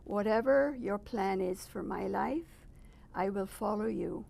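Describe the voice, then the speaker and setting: A middle-aged woman from Barbados shares her testimony at an unhurried, thoughtful pace. Her voice sits in an average register with a gravelly edge of fry. She pauses often as she gathers her thoughts. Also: mid-range voice, a little mellow. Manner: thoughtful, measured, with frequent pauses. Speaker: guest. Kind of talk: personal testimony interview. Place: residence.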